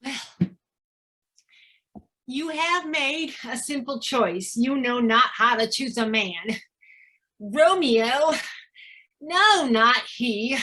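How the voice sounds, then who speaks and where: An actress playing a fussy, aging nurse with a Southern US accent, complaining about her aches and teasing in drawn-out verse. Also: a little high, animated, bright, forceful tone, full character voice. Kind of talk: stage acting of verse drama.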